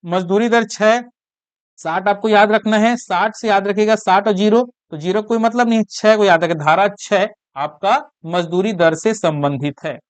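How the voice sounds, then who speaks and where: A man's voice: sits high, normal speed, clear, resonant tone, dry recording. A young man teaching an exam-prep lesson, fighting a lingering cough and repeating key facts for students to memorize.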